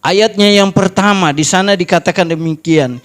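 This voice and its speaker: A middle-aged male pastor with a fairly high voice tells a story from his ministry in an earnest sermon. He keeps turning to the congregation as brothers and sisters and drops to a hushed tone when the story grows tense. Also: moderate pace. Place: church prayer service.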